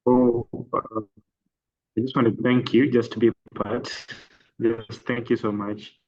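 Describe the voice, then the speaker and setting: A man attending a webinar by video call speaks in a halting, hesitant way. His audio keeps breaking up, and its volume rises and falls unevenly. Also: mid-range voice, little pitch movement, dry recording, far from the mic, highs cut off.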